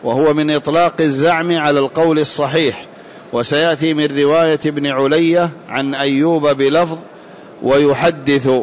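A man reading a classical commentary aloud in a lesson, measured and formal, with careful vowelling, in a muffled lo-fi recording. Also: on the high side, fairly even intonation, slight background noise. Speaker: student reading the text aloud.

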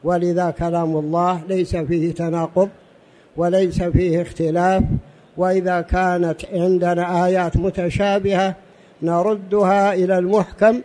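A man giving a religious lesson in formal standard Arabic as a teacher, in a deliberate, didactic manner with repetition and rhetorical questions. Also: high-pitched, little pitch movement, dark tone, slight background noise. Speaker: religious teacher addressing a study gathering.

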